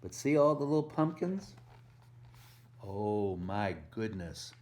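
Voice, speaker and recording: Reading a picture book to young children, this volunteer storyteller speaks in simple words, gently explains things, and asks questions of his listener. He has a lowish, sing-song voice and a slow pace.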